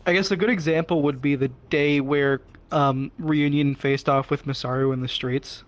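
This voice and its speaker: A man with a fairly high voice rambles through his story, breaking off and starting over. He talks casually with friends, and faint music plays behind him. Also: steady tone, normal speed. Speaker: roleplayer, medic player. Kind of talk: casual group chat.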